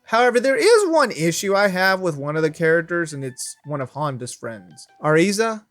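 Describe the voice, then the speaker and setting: A man's voice: fairly high pitch, sing-song, moderate pace, a bit bright, soft background music. A man hosting an anime review channel, talking casually and stumbling over his words when he is unsure.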